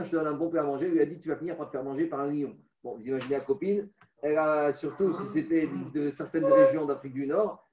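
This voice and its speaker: A man teaching a text study class, chanting text passages aloud and then explaining them with little stories. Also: fairly high pitch. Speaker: religious teacher. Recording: roomy, distant, dull recording.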